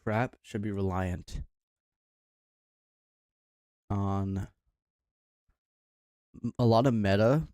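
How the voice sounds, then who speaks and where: A man's voice: on the low side, very slow, long pauses, dark tone, dry recording, studio quality. A man livestreaming while coding, thinking aloud in a mumbling, trailing-off way. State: talking with his mouth full.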